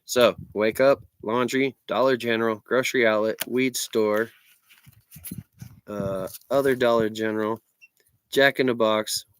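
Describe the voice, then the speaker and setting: A man's voice: medium pitch, steady tone, measured pace, a bit bright, clear, resonant tone, no room sound. An American man, stoned, rambles casually on a livestream in a meandering, slangy stoner manner. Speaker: livestream vlogger.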